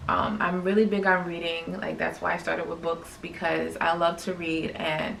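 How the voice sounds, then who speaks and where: A young woman from New York, a teacher, telling a casual story to camera in a chatty, animated way with lots of "like". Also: lowish voice, normal speed, creaky, echoey room, recorded from a distance, a little hiss or hum, low-quality recording. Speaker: vlogger and teacher.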